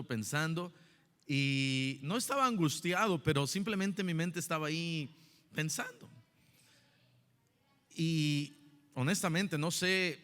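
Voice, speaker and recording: A man's voice: a little high, a bit bright. A middle-aged man preaching a Sunday school sermon as pastor, telling personal stories in a conversational way with many fillers and restarts. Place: church hall. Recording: long hall reverb.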